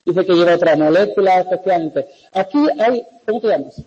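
Lecturer in a heavily echoing hall. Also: male voice, high-pitched, warm tone, breathy edge. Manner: explanatory, checks understanding with quick questions. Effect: heavy classroom echo. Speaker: university lecturer. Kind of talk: classroom lecture with questions to students. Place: large echoey lecture hall. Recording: muffled echoey hall recording.

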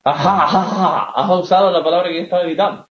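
A man's voice: sits high, steady tone, fast talker, fairly bright tone. A young man, teaching a poetry class and often checking that students follow. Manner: explanatory, keeps checking with questions. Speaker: literature teacher. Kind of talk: classroom lecture. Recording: roomy, dull classroom recording.

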